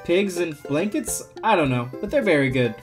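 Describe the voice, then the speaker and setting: A man hosting a gameplay video, reading a dating-sim script aloud with lively, chuckling reads of the lines. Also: fairly high pitch, normal speed. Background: game music.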